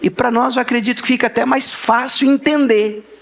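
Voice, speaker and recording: A man's voice: very high voice, fairly even intonation, fairly quick, vocal fry. A man with a Brazilian Portuguese accent, preaching a sermon in church, emphatic and repeating key words while asking the congregation for responses. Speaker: pastor. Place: church sanctuary.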